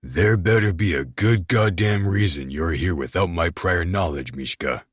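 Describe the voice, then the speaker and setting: A man voicing a domineering mafia boss in an audiobook, speaking in a slow, commanding way. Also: low-pitched, breathy edge, no echo, clean studio sound.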